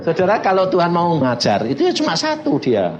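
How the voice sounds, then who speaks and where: A man's voice: a little high, brisk, music in the background, a crowd in the background, low-quality recording. An older man preaching with a Javanese Indonesian accent, telling stories animatedly and acting out the voices in them. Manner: animated, acts out voices in his stories, laughs as he tells. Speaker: pastor. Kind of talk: sermon storytelling.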